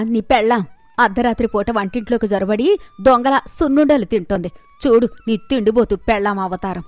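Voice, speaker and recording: Shrill scolding mother-in-law, a woman puts her on. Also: no room sound, close to an everyday voice. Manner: loud, harsh scolding.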